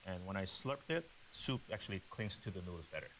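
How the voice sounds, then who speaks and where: Lower-pitched man, slight hiss. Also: lively intonation, fast, a bit bright, rough recording. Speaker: chef on a tasting panel. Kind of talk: explanatory food commentary. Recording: clear background hiss.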